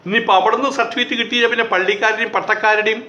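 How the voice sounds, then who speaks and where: A man's voice: high voice, fairly even intonation, rapid-fire, bright, forceful tone. A man delivering a heated, sarcastic monologue of commentary, often mimicking others in quoted asides. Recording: echoey, slightly dull recording.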